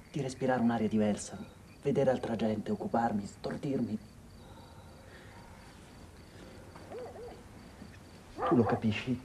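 An actor playing a tormented young man in a 1980s TV drama, pleading with his mother, bitter and impassioned, swinging between hushed tones and outbursts. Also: medium pitch, a little hiss or hum, close to an everyday voice.

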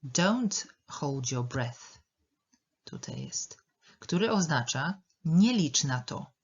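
A woman teaching an English lesson, speaking slowly and carefully and repeating words to show their pronunciation. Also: low voice, sing-song, slightly rough, muffled recording. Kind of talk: language lesson.

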